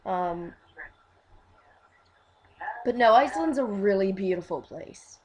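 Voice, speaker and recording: A woman chats casually as a fan vlogger, her voice sitting at an ordinary middle pitch. She rambles and gushes, trailing off into fillers before bursting out louder. A faint hiss runs under her voice. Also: lively intonation, slow. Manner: rambling and gushing, many fillers, swings from quiet to loud.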